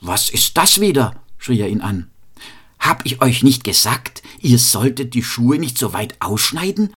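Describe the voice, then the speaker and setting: A man voicing a cantankerous, fault-finding master shoemaker, scolding in a high nagging tone in a fairy tale reading. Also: big pitch swings, moderate pace, a bit bright. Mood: outraged.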